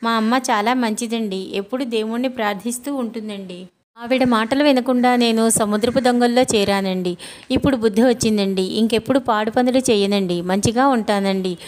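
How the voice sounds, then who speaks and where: A woman's voice: a little high, a little fast, natural voice. Woman voicing a pleading old marooned pirate. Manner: humble, wheedling, keeps adding polite endings.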